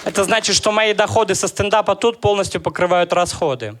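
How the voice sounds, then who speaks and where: High-voiced Russian comedian on stage. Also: male voice, a little fast, noisy background. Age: 30s. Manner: deadpan, ironic jokes with crowd work. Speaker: stand-up comedian. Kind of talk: stand-up comedy set.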